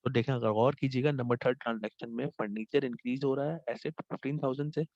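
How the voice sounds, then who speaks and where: A man's voice: medium pitch, fairly even intonation, a little mellow, no room sound. A male lecturer works through accounting problems in a patient, explanatory way, dropping in English terms and constantly checking that students follow. The recording is dry with no room sound, and slightly dull and muffled. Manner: explanatory, mixes English terms into Hindi, keeps asking "ठीक है?"; reads English question text slowly and deliberately.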